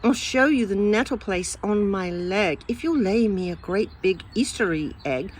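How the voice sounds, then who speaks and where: A woman reading children's poems aloud in an expressive, sing-song way. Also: mid-range voice, normal speed, a little hiss or hum, rough recording. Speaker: reader.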